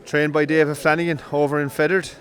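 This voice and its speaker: A man giving live commentary on greyhound coursing from an outdoor field, brisk and rising with excitement during the runs. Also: fairly high pitch. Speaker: race commentator.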